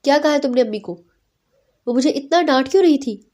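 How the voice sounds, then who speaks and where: A woman's voice: sits high, lively intonation, warm tone, voice pushed up. A woman voicing a proud, short-tempered young husband who talks in harsh, scolding bursts. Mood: angry.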